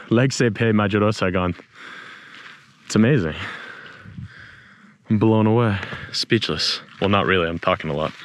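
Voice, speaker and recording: A man's voice: low voice, fairly bright tone, slight background noise. A man in his thirties talking casually and enthusiastically to an action camera held at arm's length, outdoors and in a car. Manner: enthusiastic, chatty, jokey. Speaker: travel vlogger. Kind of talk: casual travel vlog.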